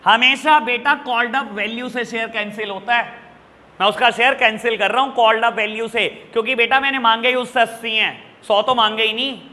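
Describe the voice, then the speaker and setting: Male teacher, high piercing voice, fatherly scold who keeps quizzing the class, echoey room with a long tail. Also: fairly even intonation, fairly quick, bright, forceful tone. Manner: scolding, fatherly, calls students son, rhetorical questions. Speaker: accounts teacher. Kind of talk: classroom lecture. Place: classroom with students.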